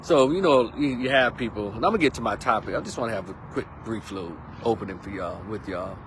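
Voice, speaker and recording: A man's voice: on the low side, expressive, fast talker. Texan man, 50s, vlog host, easygoing rambling chat, outdoors with a light hiss of wind and traffic. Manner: chatty and rambling, laid-back slang. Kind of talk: casual monologue. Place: outdoors on a windy day.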